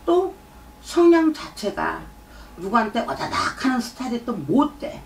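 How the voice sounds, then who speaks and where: Very animated yet unhurried, a middle-aged woman shaman with a fairly high voice and vocal fry lectures during a fortune-telling consultation, repeating herself and often asking "eh?". Slight background noise accompanies her in a shrine room with a folding screen and drum. She is recorded from a far camera, distant-miked with faint room ambience.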